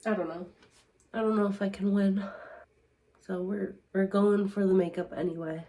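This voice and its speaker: A tired young woman, a new mother with a cold, talking candidly and softly in a casual home vlog. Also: mid-range voice, fairly even intonation, moderate pace. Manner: tired, candid, soft-spoken. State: stuffy from a cold. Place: home, indoors.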